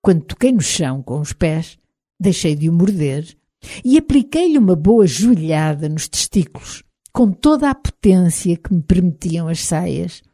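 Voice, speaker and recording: Warm-voiced woman narrating an audiobook. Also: on the low side, very animated, a little slow. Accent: European Portuguese. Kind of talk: first-person audiobook narration.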